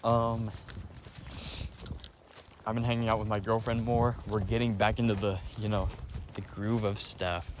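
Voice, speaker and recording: A tired teenage boy with a stuffy nose, rambling casually about school with many fillers and quick apologies. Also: fairly low pitch, flat delivery. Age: teens. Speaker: student vlogger. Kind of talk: casual chat. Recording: noisy background.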